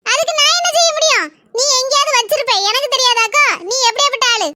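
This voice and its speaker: Woman doing a shrill demanding married daughter. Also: fast talker, background noise. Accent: southern Tamil (Tirunelveli–Kanyakumari). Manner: pushy, whiny demands. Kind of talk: cartoon comedy voice acting.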